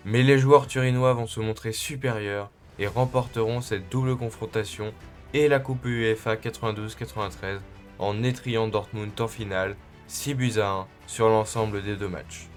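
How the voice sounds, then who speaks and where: A man reading scripted documentary narration as the narrator of a sports history. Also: medium pitch. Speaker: narrator of a football club history. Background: music.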